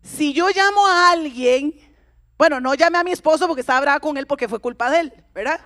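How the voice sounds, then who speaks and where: High-voiced woman pastor preaching. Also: brisk, fairly bright tone. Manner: conversational, confiding, tells personal stories to the congregation. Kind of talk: sermon.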